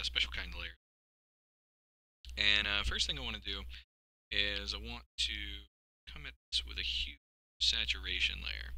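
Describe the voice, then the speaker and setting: A man's voice: fairly low pitch, sharp tone, no echo, rough recording. A tired man chatting casually while teaching digital painting on a live stream, rambling and self-mocking with casual swearing.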